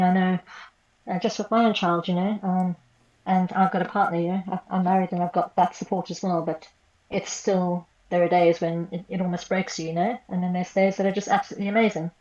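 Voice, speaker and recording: A woman in a casual online group chat, speaking earnestly and in a measured way. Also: lowish voice, little pitch movement, darkish tone, reverberant, dull audio. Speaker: participant in an online group call.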